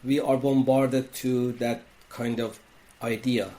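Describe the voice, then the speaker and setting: A man from Iran with an Iranian accent, a wellness coach speaking as a podcast guest, talking in a slow, reflective way with frequent restarts. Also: medium pitch, little pitch movement, warm tone. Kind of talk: reflective interview talk.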